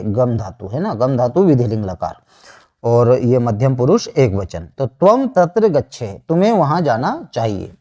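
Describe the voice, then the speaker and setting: Slow, animated male Sanskrit teacher. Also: medium pitch. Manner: slow, repeats answers with rhetorical questions. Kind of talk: online grammar lesson. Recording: dull lo-fi sound.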